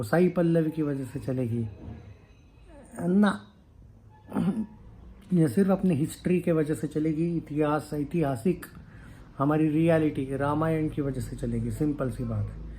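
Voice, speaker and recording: A man, a film news YouTuber chatting casually to his viewers, pausing with fillers and slipping into English phrases. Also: a little high, warm tone. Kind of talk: casual chat to camera.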